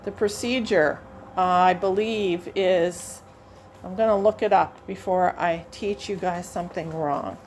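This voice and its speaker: A woman's voice: fairly low pitch, steady tone, unhurried, a little mellow, slight background noise. A woman instructor demonstrating a lab procedure to students, chatting and thinking aloud as she works, sometimes moving away from the mic in a teaching lab.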